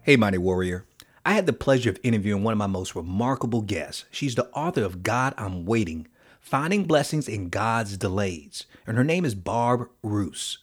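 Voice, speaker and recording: Expressive, husky man hosting a podcast. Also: lowish voice, moderate pace, faint music behind. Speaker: podcast host. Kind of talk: upbeat scripted podcast hosting.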